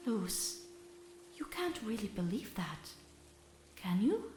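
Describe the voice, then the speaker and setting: In a dramatic comic dub, a woman gives voice to a gentle, steadfast teenage witch girl, speaking in a measured, reassuring way that sounds tender and admiring. Her mid-range voice swings widely in pitch, and there's a faint hiss or hum.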